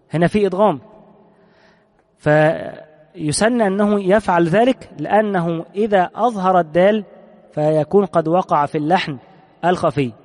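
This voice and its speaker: A man's voice: sits high, a little mellow, big-room sound. A man with an Egyptian accent giving a religious lesson. He reads a line from a text, then explains it in plain speech and puts questions to himself. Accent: Egyptian Arabic. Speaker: sheikh teaching a jurisprudence text.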